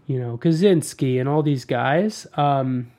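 A man's voice: medium pitch, measured pace, dark tone. Rambling young man talking films. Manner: rambling, lots of fillers and restarts. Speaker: podcast co-host. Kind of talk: casual film discussion.

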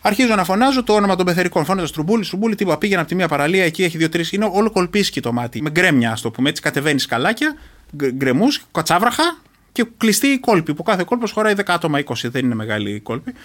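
A middle-aged man from Greece, an interview guest who served as a reserve commando, earnestly retelling a personal experience with halting restarts. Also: high voice, sing-song, a bit bright.

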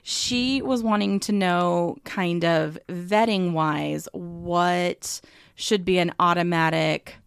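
A woman's voice: fairly low pitch, fairly even intonation, slow pace, vocal fry, few pauses, clear, resonant tone, no room sound, studio quality. A woman co-hosting a podcast in casual chat, talkative, with many fillers. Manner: chatty, filler-heavy, laughs easily. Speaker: podcast co-host.

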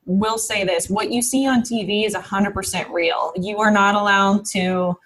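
A woman business founder talking casually as an interview guest, animated and quick, with many fillers. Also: mid-range voice, slight background noise, low-quality recording.

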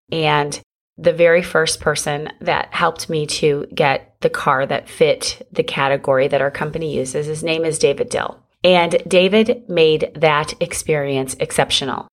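A middle-aged woman hosting a podcast, talking chattily and encouragingly to her listeners as friends. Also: sits low. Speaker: podcast host and business coach. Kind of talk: solo podcast talk.

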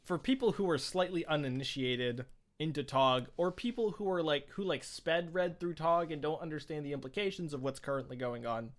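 A man co-hosting a casual chat, animated and quick to laugh, acting out lines as he explains. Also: on the high side. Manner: animated, laughs often, acts out quotes. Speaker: podcast co-host.

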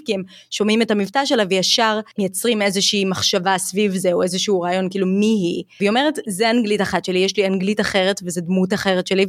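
A woman's voice: medium pitch, no room sound, clean studio sound. A woman from Israel, an English teacher and YouTuber, speaking as a guest in a podcast conversation, reflective and frank, dropping English phrases into her talk.

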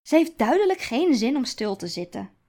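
A woman reading the lines of a calm middle-aged husband in a plain, soothing tone. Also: sits high, moderate pace, full character voice.

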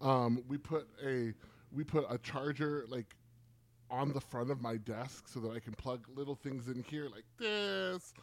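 A man's voice: mid-range voice, unhurried. A man co-hosting a podcast in casual chat, rambling with enthusiasm about his setup. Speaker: podcast co-host.

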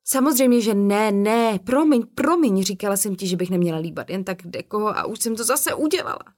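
A woman's voice: mid-range voice, expressive, a little mellow, pitched above the performer's own voice, close to an everyday voice. A woman voicing an embarrassed, flustered teenage girl who apologizes in a rush.

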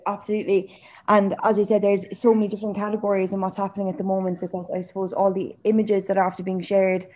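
A woman's voice: mid-range voice, little pitch movement, fast talker, dark tone, poor audio. A woman with an Irish accent, hosting a podcast in an informal, explanatory, conversational way. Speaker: podcast host.

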